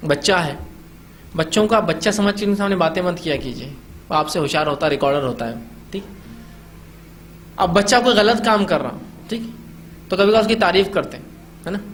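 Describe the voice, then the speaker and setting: High-voiced man giving parenting advice. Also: animated, pauses often, a bit bright, slight background noise. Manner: conversational, asks "ٹھیک؟" and "ہے نا؟" often; acts out parents' quoted lines. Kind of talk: informal advice talk.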